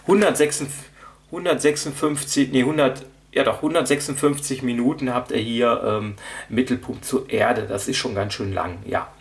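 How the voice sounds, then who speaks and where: Off camera at a table indoors, a man casually shows his audio drama collection in a show-and-tell vlog. He thinks aloud off the cuff, rambling and hesitant. His voice is medium-pitched, with slight background noise.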